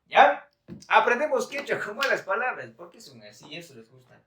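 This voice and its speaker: A man's voice: high-pitched, very animated, moderate pace, fairly bright tone, reverberant, recorded from a distance. Chatty man teaching on a live stream. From Bolivia. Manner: chatty, laughing, reads viewer comments aloud. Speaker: Quechua teacher. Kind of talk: live-stream language lesson.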